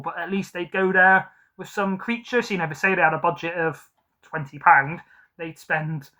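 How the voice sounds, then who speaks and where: A man's voice: high voice, bright, forceful tone. A man casually ranking films from his collection at home, rambling and hesitant with many ums and self-corrections. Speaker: film collector vlogger. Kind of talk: casual film ranking chat.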